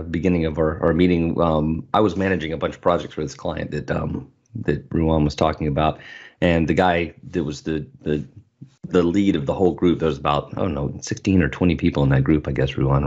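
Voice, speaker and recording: A man hosts a podcast in a relaxed, storytelling way. His voice is very deep and husky. The sound is a little dull and lo-fi. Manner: easygoing storyteller, chuckling. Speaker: podcast host. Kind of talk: casual podcast conversation.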